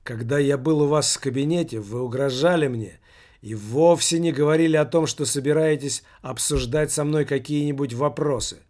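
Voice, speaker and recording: A man's voice: a little high, normal speed, a little mellow, lightly acted. A man voicing a tense, stubborn male office worker who presses his questions in a heated, insistent way.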